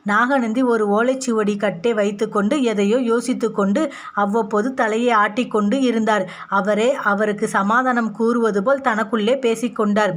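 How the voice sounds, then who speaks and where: A woman's voice: on the high side, steady tone, normal speed. Woman steadily reading a historical tale. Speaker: storyteller. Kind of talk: reading a historical novel aloud.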